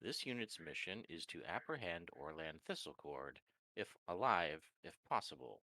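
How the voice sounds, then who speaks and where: A man's voice: low voice, big pitch swings, normal speed, pushed and bright, no room sound, heavily acted, low-quality recording. A man voicing a terse warforged construct on a mission, speaking in clipped robotic phrases and announcing each statement with labels like query and analysis. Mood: flat. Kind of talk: tabletop role-play.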